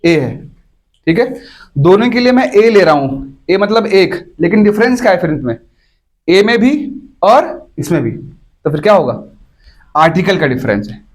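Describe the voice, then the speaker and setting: A man whose voice sits high and sing-song teaches English grammar at normal speed, pausing often. Going step by step, he keeps asking the students whether they've understood and restates points.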